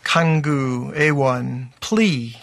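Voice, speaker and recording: A man's voice: mid-range voice, extremely slow, creaky, a bit bright, no room sound. A male pastor teaching English on a radio program, saying phrases for the listeners to repeat after him.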